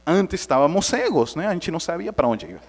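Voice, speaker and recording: Animated man lecturing in a reverberant hall. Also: a little high, fast talker. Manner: animated, acts out the story with sound effects. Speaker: Spiritist lecturer. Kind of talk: lively storytelling lecture.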